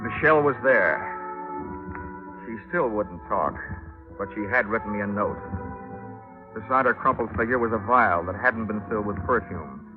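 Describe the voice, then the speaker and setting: An actor playing Johnny Dollar, a wisecracking American insurance investigator, in 1940s radio drama style. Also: male voice, fairly low pitch, expressive, normal speed, long pauses, natural voice. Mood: tense wry narration. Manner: wry, slangy, hardboiled. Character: wisecracking hardboiled male insurance investigator narrating his case. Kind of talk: 1940s radio detective acting and narration. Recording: dull vintage radio recording with loud music.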